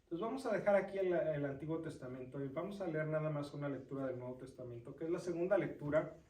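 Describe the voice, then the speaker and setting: Male deacon, somewhat high pitch, scripture reading and teaching, roomy echo. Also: quick pace, mellow. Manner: reads scripture aloud, then explains it and quizzes listeners. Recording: roomy sound from a distant mic.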